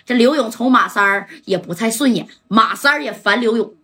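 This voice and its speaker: A woman's voice: a little high, lively intonation, fairly quick, bright, forceful tone, husky. A woman telling a crime story, with chatty asides to the listener.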